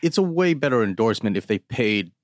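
A man's voice: mid-range voice, sing-song, a little fast, no echo, clean studio sound. A man speaking as a journalist guest in a casual interview chat.

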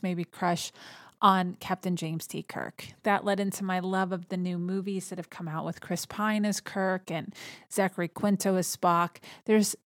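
A woman's voice: medium pitch, no room sound. Enthusiastic woman podcast host, dry sound. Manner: enthusiastic, chatty. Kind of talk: casual chat.

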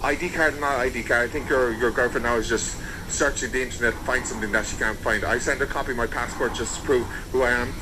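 A man with a medium-pitched, steady voice leaves insistent, defensive voice messages for a buyer, calling him "mate" and pushing him to act. He talks at a quick pace with hardly any pauses. The phone messages sound noisy.

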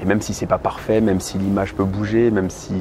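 A man in his thirties with a fairly low voice speaks candidly and bluntly, vlogging into a handheld camera outdoors. Clear traffic and street noise run under every word. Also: level tone, a little fast. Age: 30s. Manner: candid, blunt, filler-heavy. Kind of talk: casual vlog monologue. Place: outdoors on a busy city street. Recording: noisy outdoor street recording. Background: traffic and street ambience.

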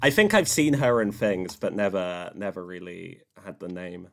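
A man's voice: low-pitched, moderate pace, vocal fry. A man co-hosting a podcast in casual chat, loose and full of fillers like "like" and "uh". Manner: relaxed, filler-heavy talk with lots of "like". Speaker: podcast co-host.

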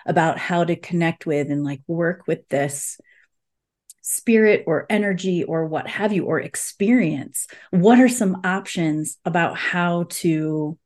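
Musing woman host, low-voiced. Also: a little mellow. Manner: searching, halting, full of "like"; curious, open questions. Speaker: podcast host. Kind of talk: casual conversation.

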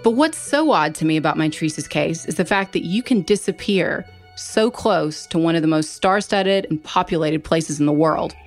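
A woman host reading scripted true-crime narration in a calm, measured way. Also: sits low, soft background music. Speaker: podcast host, private investigator.

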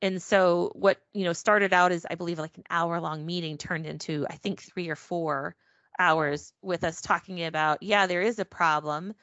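Low-voiced woman on a dull, dry call. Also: fairly even intonation, moderate pace, a bit bright, no echo. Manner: chatty, frequent ums and restarts. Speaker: podcast guest, packaging professional. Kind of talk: casual interview talk over a call.

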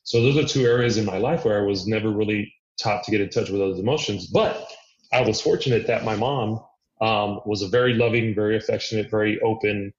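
A man's voice: lowish voice, brisk. A man from Miami, a podcast guest, talking earnestly and reflectively, thinking aloud with frequent restarts. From Miami, United States. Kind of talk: reflective conversational interview. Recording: echoey room, dull lo-fi sound.

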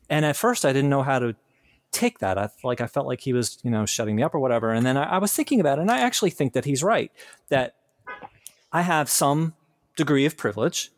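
In a casual interview conversation, a podcast host with a mid-range male voice keeps stumbling, restarting and using fillers as he feels his way forward. The studio-quality audio has no echo.

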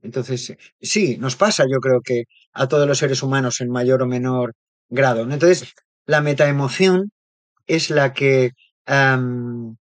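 A man being interviewed as a therapist, unhurried and reflective, who keeps checking in with his listener as he explains. His voice sits at an ordinary middle pitch, recorded close and dry with no room sound. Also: no echo. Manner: thoughtful, explains slowly with frequent tag questions.

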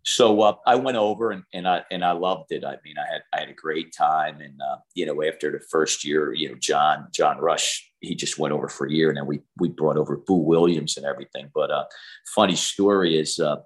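Deep-voiced middle-aged man, coach-guest type, rambling storyteller with lots of fillers. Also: a little fast. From United States. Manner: rambling, many fillers and restarts. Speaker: basketball shooting coach, guest. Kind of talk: casual storytelling interview.

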